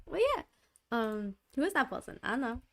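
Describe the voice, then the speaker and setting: A woman's voice: a little high, expressive, brisk, a bit bright. A young adult woman streaming from a home gaming setup into a desk mic, chatting casually, giggly and rambling, often repeating herself. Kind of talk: casual live-stream chat. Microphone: desk microphone.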